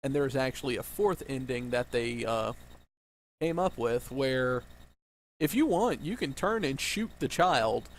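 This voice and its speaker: A man's voice: mid-range voice, expressive, measured pace, a little hiss or hum, low-quality recording. A man hosting a gaming video, commenting casually in an informal, sweary way.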